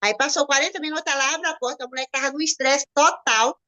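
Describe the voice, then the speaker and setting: A woman's voice: fast, bright, forceful tone. A woman with a Brazilian Portuguese accent, earnestly telling a personal testimony and acting out the voices of the people in it. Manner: earnest, acts out quoted voices with sudden jumps in pitch. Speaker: guest giving a testimony. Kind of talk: emotional personal storytelling.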